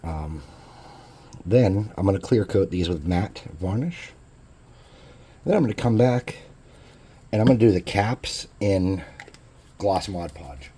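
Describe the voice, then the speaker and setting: A man's voice: low-pitched, lively intonation, slow pace, long pauses, dark tone, slight background noise. A man hosting a casual hobby crafting tutorial, chatting in a laid-back, jokey way as he works. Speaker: crafting channel host.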